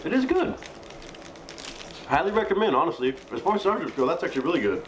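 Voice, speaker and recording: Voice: medium pitch, animated, racing, a bit bright, a little hiss or hum, poor audio. A person chatting casually and jokingly as a video co-host while eating and tasting sour candy.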